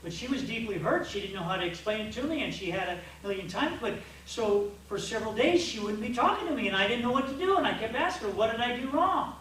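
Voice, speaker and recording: A man coaching a group of men, telling stories in an animated way that keeps restarting. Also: high voice, fast, few pauses, slight background noise. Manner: storytelling, animated and repetitive, with restarts. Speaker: men's coach. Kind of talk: church coaching talk to men. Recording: echoey hall from far off.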